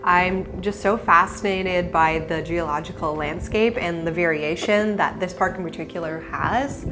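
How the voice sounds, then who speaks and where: A woman's voice: lowish voice, normal speed, over music. A woman co-hosting a hiking vlog, talking casually and eagerly explaining what she sees. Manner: chatty and curious, explains things eagerly. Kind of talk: casual travel narration.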